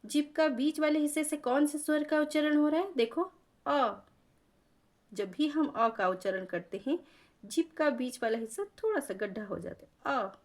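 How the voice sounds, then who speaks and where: A woman's voice: high-pitched, normal speed, a little mellow. A woman teaching a lesson on vowel pronunciation, patiently explaining and repeating vowel sounds for learners to copy. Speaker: Hindi grammar teacher.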